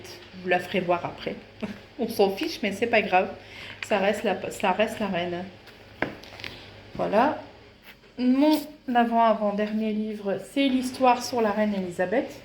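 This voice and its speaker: A woman vlogger chatting casually and hesitantly as she shows off her books, with many fillers. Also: mid-range voice. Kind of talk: casual book show-and-tell. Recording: echoey room with faint noise.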